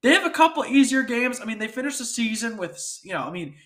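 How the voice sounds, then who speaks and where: A man's voice: very high-pitched, very animated, quick pace, a bit bright. A man with a stuffy nose hosting a casual sports talk show, chatty and often checking for agreement. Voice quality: congested, stuffy-nosed. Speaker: podcast host.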